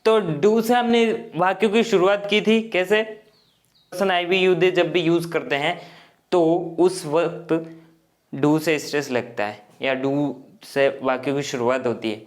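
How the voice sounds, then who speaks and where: A man's voice: on the high side, steady tone. A man teaching English grammar in Hindi, explaining step by step and often checking that students follow. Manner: slow, repetitive explaining with frequent checks.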